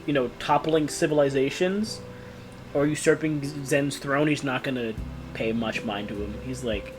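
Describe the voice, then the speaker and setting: A man's voice: medium pitch, moderate pace, over music. A man serving as game master, chatting casually in a Q&A and laughing often. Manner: laughs often, trails off quietly. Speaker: game master answering questions. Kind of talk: casual podcast-style Q&A chat.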